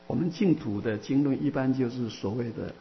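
A man teaching as a Buddhist teacher, answering questions in a Dharma talk and speaking haltingly with many restarts and drawn-out fillers. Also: mid-range voice. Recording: muffled, reverberant hall with faint hum.

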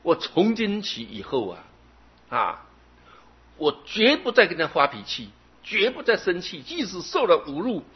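A hot-tempered young man, as a male preacher puts him on pleads in a high, strained voice that rides up and down widely. The voice is husky and the recording sounds dull and lo-fi. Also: huge pitch swings, slow pace, heavily acted. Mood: earnest.

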